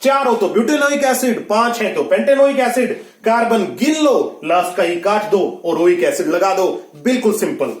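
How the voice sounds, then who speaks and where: Teaching a science class online, a man explains step by step and keeps asking whether students have understood. His high-pitched voice has lively intonation, moving at a moderate pace with few pauses. The room sounds echoey.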